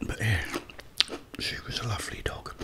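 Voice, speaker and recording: Between bites of food, a British man in middle age whispers long, wandering anecdotes at an easy pace, acting as an ASMR host.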